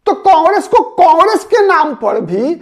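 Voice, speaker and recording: A man's voice: very high-pitched, big pitch swings, normal speed. A man hosting his own channel, giving solo political commentary. He talks analytically, repeats key names and words, and asks rhetorical questions before answering them himself.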